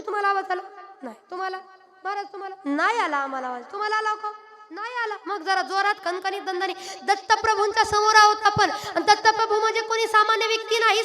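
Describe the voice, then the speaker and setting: A woman kirtan preacher, leading a devotional sermon and teasingly coaxing the audience to chant louder into a PA microphone. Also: very high voice. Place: live religious gathering with audience. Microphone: microphone through a PA system. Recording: live crowd behind. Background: audience responding and chanting.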